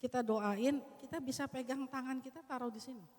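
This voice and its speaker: A woman with a somewhat high voice trains children's ministry teachers at a church workshop. She talks casually and lively, jumping into acted-out prayers and small demonstrations. Her voice carries a long hall reverb. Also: brisk.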